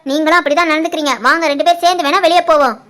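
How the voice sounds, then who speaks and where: A woman voicing a defiant, sharp-tongued young wife arguing with her mother-in-law in an animated family story, with a Tirunelveli Tamil accent. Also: sits high, rapid-fire. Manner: defiant, argumentative.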